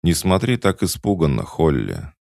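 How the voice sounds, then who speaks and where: A man with a deep, gravelly voice reading the lines of a proud, jealous immortal queen who speaks coldly and commandingly. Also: huge pitch swings, normal speed, darkish tone, no echo, clean studio sound, exaggerated voice. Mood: calm, superior. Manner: cold, imperious, mocking.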